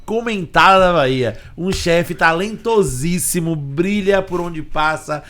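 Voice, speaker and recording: An enthusiastic, jokey man hosting a podcast, his voice sitting a bit high. He introduces and questions his guest in a casual, lively way. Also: a little slow. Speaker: podcast host.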